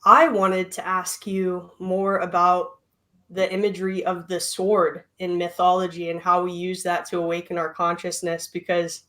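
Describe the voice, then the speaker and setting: A woman's voice: fairly low pitch, level tone, normal speed, a bit bright. A woman joining a live session to ask a question, hesitant and searching for words. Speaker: caller asking a question.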